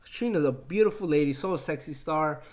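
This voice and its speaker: A man chatting excitedly in a casual review, retelling scenes and laughing often. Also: fairly high pitch, fairly quick. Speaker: wrestling show reviewer.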